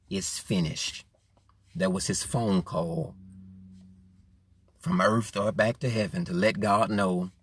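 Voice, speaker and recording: A man preaching a sermon with passion, repeating his phrases and swinging from quiet to loud. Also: low-pitched, husky, no echo. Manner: impassioned, repeating phrases, rising and falling in force.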